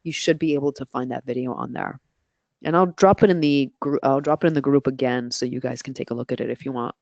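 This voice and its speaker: Her voice rumbles low and is a little mellow, and she talks fast. The recording is dry with a lo-fi sound. As a guest expert in a live webinar, this radio-voiced woman answers questions and lays out her methods step by step, practically, with self-corrections.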